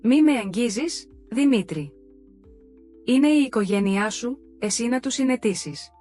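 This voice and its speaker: A woman voicing an exhausted young wife and hostess who has had enough of her ungrateful in-laws, read in a calm, even way. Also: on the high side, soft background music. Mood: indignant.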